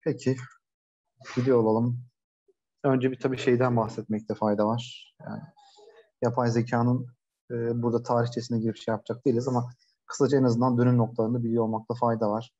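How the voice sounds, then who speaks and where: A man's voice: mid-range voice, little pitch movement, fairly quick, warm tone, dull audio. A man giving a casual online lecture from a shared coworking space, talking conversationally with many hesitations and fillers. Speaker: webinar presenter.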